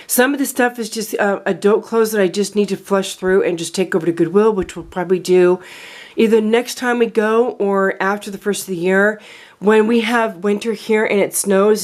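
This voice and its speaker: A woman's voice: mid-range voice, darkish tone. A woman vlogging casually from a home storage room, chatty and rambling with many fillers. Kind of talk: casual vlog talk.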